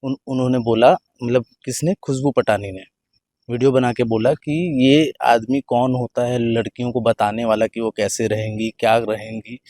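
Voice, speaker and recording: Dark-voiced man recounting events. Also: medium pitch, steady tone, normal speed, no echo. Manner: recounting events, stumbling restarts. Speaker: panel guest. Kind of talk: discussion commentary.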